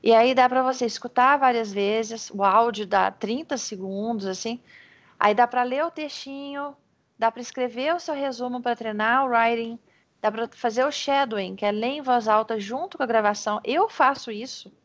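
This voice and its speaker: A woman who speaks Brazilian Portuguese teaches English in an online video-call lesson, her voice a little high and at normal speed. She's chatty and encouraging, often restarting her sentences mid-explanation.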